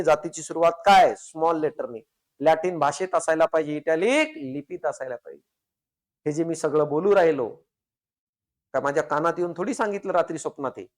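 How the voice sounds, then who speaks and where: A man teaches a class in a fairly high voice. He fires rhetorical questions at his students and stretches out each technical term, repeating it slowly. He lightens the lesson with joking everyday examples. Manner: slows down and repeats technical terms syllable by syllable; casual, joking street examples. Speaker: science teacher for competitive exams. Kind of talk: classroom lecture.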